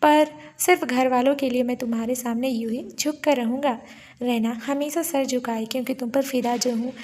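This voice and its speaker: A woman's voice: high-pitched, fairly even intonation, normal speed, a little mellow. A woman voicing a clingy young police husband. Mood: teasing. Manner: teasing, clingy, pleading. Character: tired, playful, stubborn young male police officer husband.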